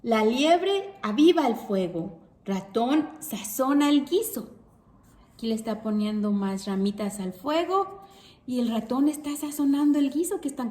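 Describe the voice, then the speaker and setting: A woman teacher reading a picture book aloud to children, animated and asking them questions along the way. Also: high-pitched. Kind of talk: storybook read-aloud for children.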